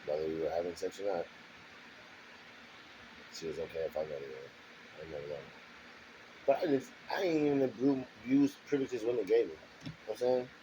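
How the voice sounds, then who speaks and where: A man vlogger speaks from his garage in a low, fairly even voice at a moderate pace, with long pauses and background noise. Defensive and repetitive, he keeps returning to the same points and asking "you know what I'm saying."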